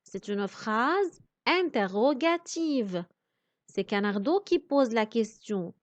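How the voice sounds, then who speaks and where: Slow-spoken, lively woman teacher. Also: on the high side, no echo. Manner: slow, over-articulated, explaining pronunciation. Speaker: French reading teacher. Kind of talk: reading lesson. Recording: dry, dull lo-fi sound.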